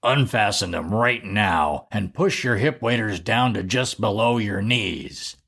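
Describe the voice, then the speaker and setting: A man voicing a gruff boat skipper who barks orders at a young deckhand. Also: lowish voice, lively intonation, a little slow, fairly bright tone, exaggerated voice. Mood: stern. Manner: barking orders.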